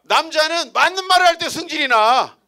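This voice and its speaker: Animated, bright-voiced pastor in his forties. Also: very high voice, brisk. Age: 40s. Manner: animated, teasing the congregation with rhetorical questions. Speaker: guest pastor. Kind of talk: humorous storytelling sermon. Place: church sanctuary.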